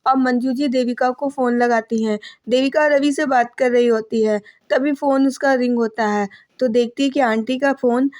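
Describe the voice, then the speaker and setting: A woman's voice: high voice, steady tone, normal speed, hardly any pauses, darkish tone. A woman narrating a recap of a television serial episode in a plain, running storytelling manner. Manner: plain, running retelling with small restarts.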